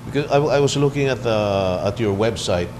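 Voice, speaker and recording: A man's voice: fairly low pitch, fairly quick, background noise. A man from the Philippines hosting a cable TV interview, chatty and joking, with many fillers. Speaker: TV talk show host.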